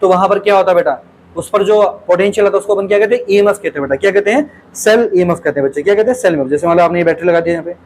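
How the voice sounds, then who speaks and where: A man's voice: high-pitched, racing, a little hiss or hum, poor audio. A male teacher solves exam questions aloud in a lecture, keeps calling his students "beta", and asks questions and repeats the answers.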